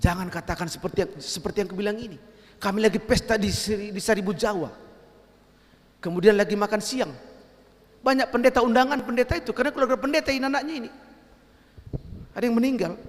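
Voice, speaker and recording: High, bright-voiced pastor preaching in a hall. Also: male voice. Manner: lively storyteller, acts out dialogue, shouts for emphasis. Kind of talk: storytelling sermon. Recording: long hall reverb.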